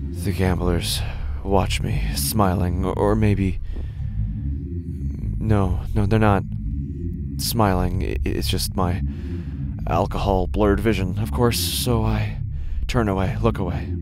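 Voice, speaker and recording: In a first-person horror audio drama, a man voices an uneasy, haunted gambler recounting his nightmare. His low, breathy voice, fairly even in intonation, is halting, hesitant, and slow, often close to a whisper, and he repeats himself. Loud music plays continuously beneath him.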